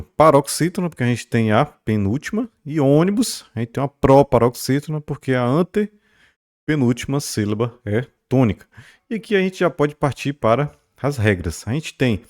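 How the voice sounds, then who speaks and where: A man's voice: medium pitch, darkish tone. A man teaching a recorded grammar lesson, checking in often with his students and drawing out stressed syllables to model words. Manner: explanatory, checks in often with "beleza?" and "né?".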